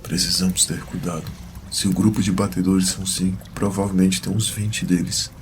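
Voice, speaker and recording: A grave young prince of a fantasy audio drama, played by a man, solemn and used to giving orders. His voice is deep and gravelly, with little rise and fall. Faint noise sits behind it. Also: little pitch movement, moderate pace. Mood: commanding. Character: grave young bastard prince seeking revenge.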